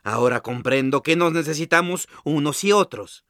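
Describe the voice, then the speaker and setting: A man's voice: fairly high pitch, lively intonation, moderate pace, fairly bright tone, dry recording, studio quality. A man voicing a proud, boastful talking iron hammer in a storybook reading, declaiming each phrase. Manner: emphatic, declaiming. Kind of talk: storybook narration.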